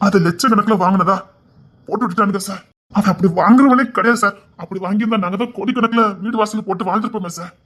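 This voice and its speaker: A man's voice: high-pitched, fairly bright tone. A man voicing a desperate elder brother, a former bodyguard, who begs over and over with emotion, in a Tirunelveli Tamil accent. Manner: begging, repetitive, emotional.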